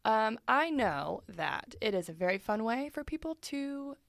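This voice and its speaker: A woman in her twenties co-hosts a casual podcast in a playful, giggly way. Her voice sits a little high, and she sounds close and dry with no room around her. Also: sing-song, a little slow, vocal fry, a bit bright, no room sound. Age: 20s. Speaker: podcast co-host.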